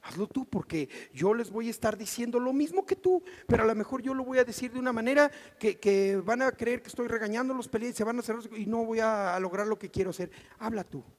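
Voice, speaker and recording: A middle-aged man with a Mexican Spanish accent preaching a sermon as pastor, animated and acting out the voices he quotes. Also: very high voice, fairly quick, hardly any pauses. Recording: church hall reverb.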